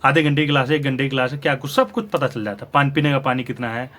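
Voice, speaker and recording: A man's voice: medium pitch, quick pace, a bit bright, a little hiss or hum. A young man giving opinionated, lecturing commentary straight to his viewers as a news channel host. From India. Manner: lecturing, argumentative, addresses viewers directly.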